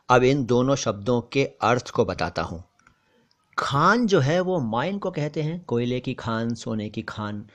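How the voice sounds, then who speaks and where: A man teaching a pronunciation lesson, explaining words carefully and repeating them slowly so the contrast is clear. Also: medium pitch. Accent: Hindustani with careful Urdu pronunciation. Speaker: language teacher.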